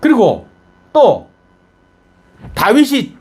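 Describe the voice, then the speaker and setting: A man's voice: very high-pitched, huge pitch swings, very slow, darkish tone, slightly rough. A male pastor with a Gyeongsang Korean accent telling a Bible story in his sermon, firing rhetorical questions at the congregation.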